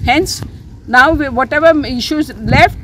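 A woman's voice: high-pitched, a little slow, a bit bright, a little hiss or hum. An older woman activist, speaking earnestly outdoors in a news interview, restarting often. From India. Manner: earnest, insistent, with frequent restarts and fillers. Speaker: civic activist. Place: outdoors near a beach, under an umbrella.

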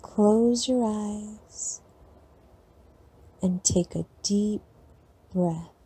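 A woman leading a guided sleep meditation in a slow, soft, soothing way with long pauses. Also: mid-range voice, slightly rough.

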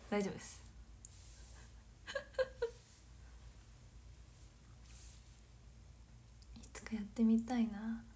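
A woman in her twenties from Nagano, chatting casually on a livestream, giggling and drifting into soft whispered asides. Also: mid-range voice. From Nagano, Japan. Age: 20s. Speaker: livestream host. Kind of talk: casual chat reading viewer comments.

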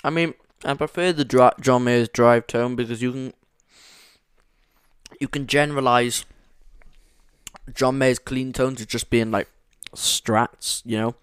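A man's voice: medium pitch, fairly even intonation, unhurried, pauses often, clear, resonant tone, no room sound. A young man chatting casually as a podcast co-host, rambling and enthusiastic, right up close to his microphone. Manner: rambling, enthusiastic, full of fillers. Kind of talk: casual chat.

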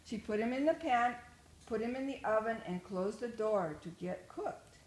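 An older woman, a grandmother, reading a children's story aloud with expressive, rhythmic storytelling. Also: a little high, moderate pace. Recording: echoey room, faint noise.

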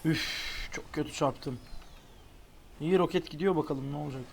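Young male gamer, slightly high voice, casual play-by-play, light room hum behind. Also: moderate pace, creaky. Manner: excitable, exclaims at near misses. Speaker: gaming YouTuber. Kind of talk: casual gameplay commentary.

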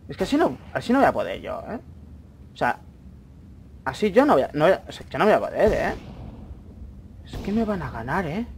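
A young man commentating his own gameplay, chatty, with excited outbursts and muttered asides. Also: on the high side, a little fast, pauses often. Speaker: gaming YouTuber. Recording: faint noise, mouse and keyboard clicks.

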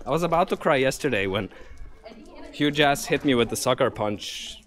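A man's voice: medium pitch, animated, normal speed. A man live-streaming outdoors while walking his dog, chatting casually with viewers in a giggly, teasing way.

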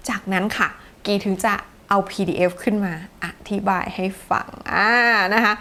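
A young woman teacher introducing her listening course in a chatty, lively way, switching between Thai and English. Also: mid-range voice, normal speed. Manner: chatty, lively, mixes Thai with English phrases, frequent polite particles.

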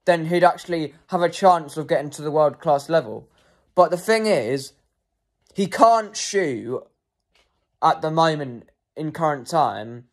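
A young man acting as a football fan gives casual post-match player ratings, hesitating with frequent ums and correcting himself. His voice is medium-pitched and a little mellow.

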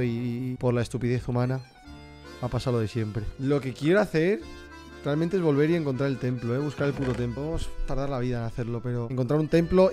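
A young man from Spain with a Spanish accent, commentating a live game stream, excitable and swearing, shrieking when scared and cooing at his in-game pets. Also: mid-range voice. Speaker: gaming streamer.

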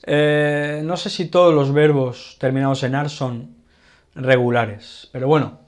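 A man with a Spanish accent giving a casual grammar lesson, often pausing to check in with his learners. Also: mid-range voice, steady tone. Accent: Spanish from Spain. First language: Catalan. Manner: explanatory, checks in with frequent "vale". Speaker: Spanish teacher.

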